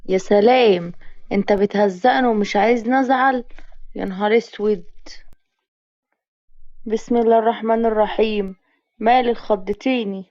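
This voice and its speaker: A woman's voice: medium pitch, steady tone, moderate pace, pauses often, a little mellow, no echo, close to an everyday voice. Woman voicing a chatty Egyptian teenage girl. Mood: earnest. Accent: Egyptian Arabic. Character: kind, chatty 18-year-old village girl. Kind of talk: dramatized story reading. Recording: muffled lo-fi recording.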